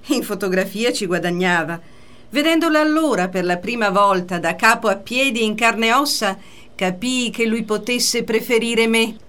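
A woman reads a poised, cool mistress in a radio play. Her composed, measured voice sits a little high and sounds bright and crisp. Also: close to an everyday voice.

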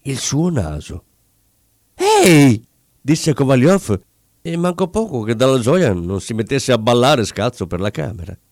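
A man reading a story aloud as scripted narration, telling it in an expressive and dramatic way with pauses. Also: medium pitch, dry recording, clean studio sound. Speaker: audiobook narrator.

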